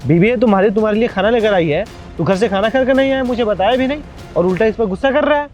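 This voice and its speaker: A man's voice: high voice, quick pace, a little mellow, faint music behind, close to an everyday voice. A man playing a bossy but kind supervisor who scolds a worker into eating. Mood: scolding. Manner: scolding, persuasive. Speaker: actor in a comedy skit.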